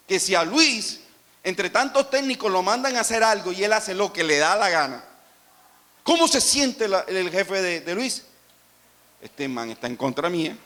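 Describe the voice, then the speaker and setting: A male pastor with a Colombian Caribbean Spanish accent delivers a sermon in a high voice. He keeps turning to the congregation with questions and asks them to answer back. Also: sharp tone.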